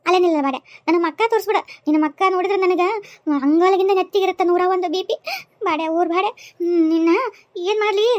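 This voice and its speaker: Cartoon mother-in-law: shrill, quick, North Karnataka accent, always cursing. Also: steady tone, a little mellow, dry recording, dull audio. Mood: scolding. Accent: North Karnataka Kannada. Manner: scolding, cursing, wailing. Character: shrill scolding old mother-in-law, bitter and wailing.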